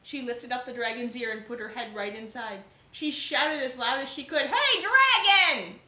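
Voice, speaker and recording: A woman teacher reading a picture book aloud to young children, gentle and expressive, with little asides. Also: a little high, normal speed. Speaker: preschool teacher. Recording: echoey room.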